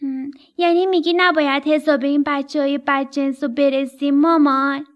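A woman's voice: high-pitched, flat delivery, muffled recording, pitched above the performer's own voice, lightly acted. A woman voicing stubborn, whining young stork chicks in a children's radio story. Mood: defiant. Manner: whiny, defiant.

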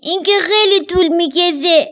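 A woman voicing a messy, flustered young storybook character, whiny and hurried. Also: very high-pitched, fairly bright tone, voice pushed up.

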